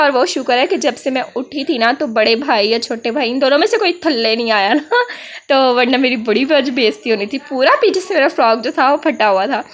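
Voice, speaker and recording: Young Pakistani woman, Urdu accent with Punjabi touches, high and chatty, for a vlog voice-over. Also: fairly bright tone. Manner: chatty storytelling, peppered with "na", often laughing. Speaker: vlogger. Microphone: voice-over mic.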